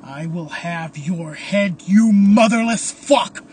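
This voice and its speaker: A storyteller voicing a grim, vengeful male phantom in a low, muttering voice. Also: expressive, moderate pace, darkish tone, far from the mic, a little hiss or hum, natural voice. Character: vengeful hooded phantom, brooding male spirit.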